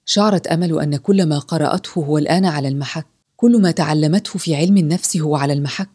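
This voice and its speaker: A woman narrating a story in a slow, solemn, measured reading. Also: deep voice, mellow, husky.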